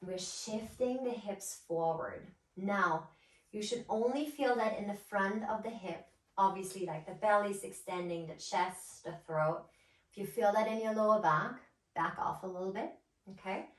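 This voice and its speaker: A woman guiding a yoga class as instructor, with a gentle, nurturing and encouraging manner. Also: mid-range voice, unhurried. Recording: roomy echo, distant microphone.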